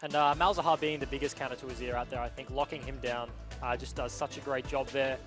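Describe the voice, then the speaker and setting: A man's voice: medium pitch, steady tone, fast, over music. A man giving casual esports commentary and analysis as a caster, informal and chatty in his delivery.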